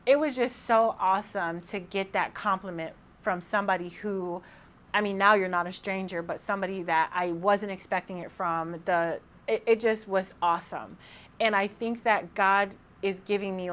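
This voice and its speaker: A young woman talks straight to her listeners in a casual podcast monologue. She sounds animated and encouraging, like a pep talk from a friend. Her voice sits at an ordinary middle pitch. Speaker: podcast host.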